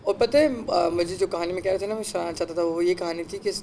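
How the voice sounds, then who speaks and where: A man's voice: sits high, fairly even intonation, gravelly, darkish tone, slight background noise. A young man hosting a podcast, telling a rambling story in casual chat and mixing English words into his speech. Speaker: podcast host.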